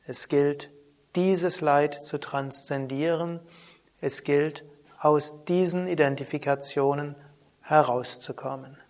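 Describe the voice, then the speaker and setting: In a calm, measured spoken lesson on Vedanta terms from yoga philosophy, a man with a fairly high voice often lets his phrases trail softly downward. He frequently asks a gentle, questioning "hm?"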